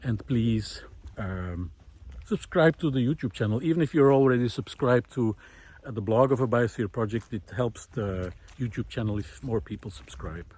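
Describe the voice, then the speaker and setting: Medium-pitched, slightly rough and a little mellow, his voice moves at normal speed as he walks through a vineyard village outdoors. The vlogger reflects to camera without a script for his walking talk series, musing hesitantly with trailing asides.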